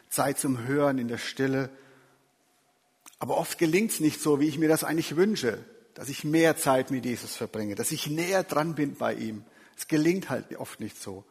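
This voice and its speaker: A man preaching a sermon in a gentle, earnest way with slow, emphatic phrasing. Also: medium pitch, slightly rough. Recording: reverberant hall.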